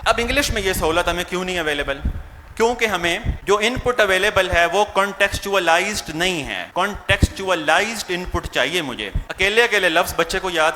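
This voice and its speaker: Pakistani male lecturer, high bright voice, quizzes his audience; echoey hall, faint hiss. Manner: mixes Urdu with English words, asks the audience questions. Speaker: English teacher. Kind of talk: lecture to teachers.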